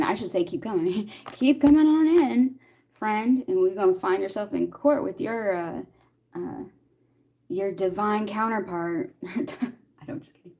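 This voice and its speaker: A young woman talks her way through a tarot reading in a loose, chatty flow. She laughs easily, jokes, and answers her viewers' comments as she goes. Her voice sits at a middle pitch. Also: darkish tone. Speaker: tarot reader. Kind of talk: casual live tarot reading.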